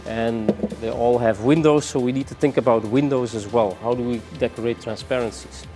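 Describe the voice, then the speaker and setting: A man giving a rushed product demonstration, moving between samples with many fillers and saying he is out of breath. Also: mid-range voice, fairly even intonation, music in the background. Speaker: product presenter.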